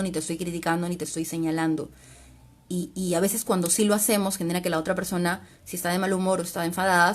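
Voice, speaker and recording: A woman speaks in an informal live-stream talk as a psychologist. Her voice sits at an ordinary middle pitch, and she explains things patiently, step by step. She often closes her phrases with a questioning tag. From Peru. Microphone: livestream mic.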